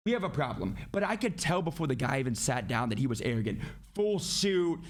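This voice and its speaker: Animated man telling a story, lively pitch. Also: a little fast. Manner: animated, lots of restarts and asides. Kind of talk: casual storytelling.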